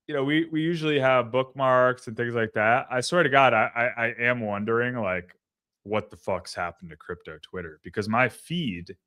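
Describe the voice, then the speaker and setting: A man with a fairly low voice chats loosely as a podcast co-host. He rambles, restarts his thoughts and drops swear words without much care. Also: sharp tone. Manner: rambling, swears freely, trails off. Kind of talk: casual podcast chat.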